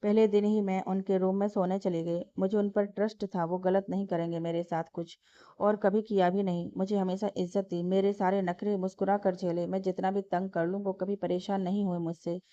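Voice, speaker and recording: A woman voicing a heartbroken, lovesick young woman who pleads softly through tears. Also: mid-range voice, flat delivery, a little fast, no echo, natural voice. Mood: longing. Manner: soft, tearful pleading. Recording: dull lo-fi dry recording.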